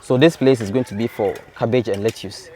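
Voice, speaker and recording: A man guides visitors around a school farm, talking quickly. He explains things plainly and stops now and then to find the right word. The recording is outdoors, in the open air. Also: mid-range voice, fairly even intonation, darkish tone, a little hiss or hum. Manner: explanatory, hesitant with fillers.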